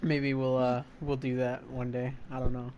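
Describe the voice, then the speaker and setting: A man's voice: mid-range voice, completely flat delivery, moderate pace, darkish tone, dull audio, slight background noise. A young man co-hosting a podcast, chatting casually in a rambling, crude way full of fillers. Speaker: podcast co-host. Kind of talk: casual chat.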